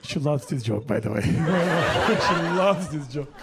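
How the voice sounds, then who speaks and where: This Brazilian-accented comic, whose first language is Portuguese, has a voice on the high side and delivers slowly and expressively. He stresses and repeats his lines and swears freely on stage at a live show with an audience, where the very noisy recording captures loud noise and laughter.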